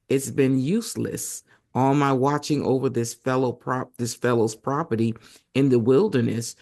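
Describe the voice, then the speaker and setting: Hoarse gravelly guy reading scripture real slow, stops to chat w the viewers. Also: medium pitch, darkish tone. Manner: chatty asides to viewers, self-corrections. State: losing voice, hoarse. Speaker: Bible reading host. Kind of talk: Bible reading with casual asides.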